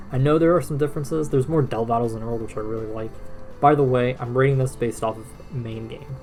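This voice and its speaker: A tired man talking casually and rambling about games, often restarting his sentences. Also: mid-range voice. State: tired, yawning. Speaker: gaming video creator. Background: soft background music.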